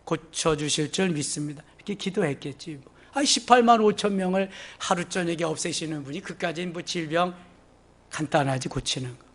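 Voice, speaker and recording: A pastor preaching a sermon. He tells scripture stories in plain, chatty speech, swings from loud exclamations to hushed asides, and calls out to the congregation for responses. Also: high voice, normal speed. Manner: plain conversational storytelling of scripture.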